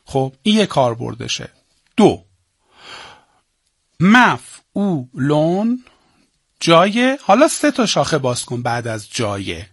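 Animated man teaching poetic meter. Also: medium pitch, vocal fry, breathy edge, no room sound, studio quality. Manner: animated, addresses students directly, asks and answers his own questions; slows down to spell out meters. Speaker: Persian literature teacher. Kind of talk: exam-prep lesson.

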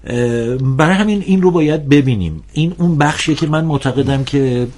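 A man speaking as a guest on a televised discussion show, earnest and critical, pausing often with drawn-out filler sounds. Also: fairly high pitch, animated, a little mellow. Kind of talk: TV panel discussion.

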